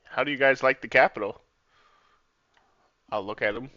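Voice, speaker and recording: A man's voice: medium pitch, moderate pace, bright, forceful tone, dry recording. A man playing a tabletop game, chatting casually and speaking in character, on a slightly dull microphone. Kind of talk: casual game chat and role-play.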